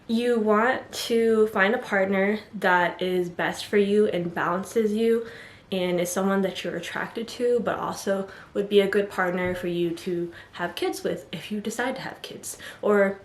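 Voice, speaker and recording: Standing before the camera in an indoor room, a female vlogger chats casually about self-love. Her medium-pitched voice moves a little slowly and sounds reverberant as she rambles, saying "like" often, apologizing in asides, and getting slightly breathless.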